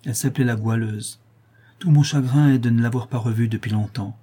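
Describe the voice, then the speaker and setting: A man reading as la Lorraine, a sad, husky young washerwoman. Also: mid-range voice, fairly quick, close to an everyday voice. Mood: plaintive. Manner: soft and plaintive, telling her misfortunes. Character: poor young laundress in a hospice, sad and gentle.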